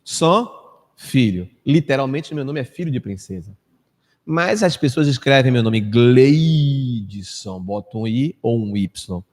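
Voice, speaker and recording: A Brazilian man in his fifties giving a storytelling lecture to a live audience, acting out quoted people and dropping to a hush at times. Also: expressive, takes it slowly. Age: 50s. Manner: anecdotal, acts out quoted people with big pitch swings, drops to a hush. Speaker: spiritist lecturer. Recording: echoey hall reverb.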